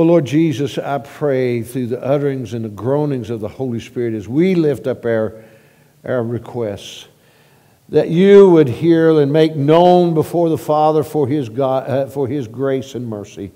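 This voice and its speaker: A man leading a church prayer at a pulpit microphone, halting with repeated words and swelling louder as he prays. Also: medium pitch. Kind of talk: spoken church prayer and announcements. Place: church sanctuary. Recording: long reverb of a church sanctuary.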